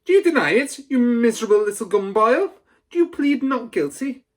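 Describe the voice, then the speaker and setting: A storybook reader voicing a huge, cruel, tyrannical headmistress who barks and booms insults. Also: lively intonation, slow pace, a little mellow, breathy edge. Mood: furious, bellowing. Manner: barking, booming insults. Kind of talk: storybook read aloud.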